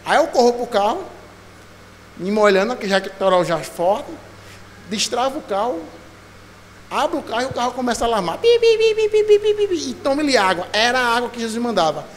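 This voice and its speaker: A male pastor preaching a sermon, telling a lively story and acting out voices and sounds. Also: very high-pitched, fairly quick, long pauses, slight background noise. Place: church. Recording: church hall reverb, faint ambience.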